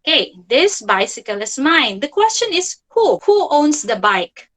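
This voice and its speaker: High, bright-voiced woman teaching children. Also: sing-song, measured pace, low-quality recording. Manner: repeats key phrases, constantly checks with "okay?". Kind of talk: online grammar lesson for children.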